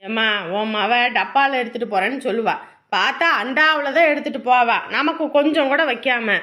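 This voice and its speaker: A woman's voice: fairly high pitch, a little fast, fairly bright tone, natural voice. A woman voicing a jealous young unmarried daughter in a cartoon, complaining that her sister takes too much. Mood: grumbling. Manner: complaining, whiny. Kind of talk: cartoon voice acting.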